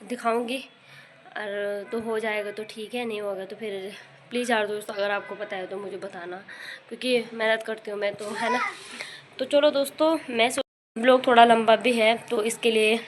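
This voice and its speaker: A young woman and mother vlogging in casual chat, rambling with many pauses and fillers, and rising into high, coaxing calls when she talks to her baby. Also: fairly even intonation, background noise. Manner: rises into high, loud, coaxing tones when calling the baby.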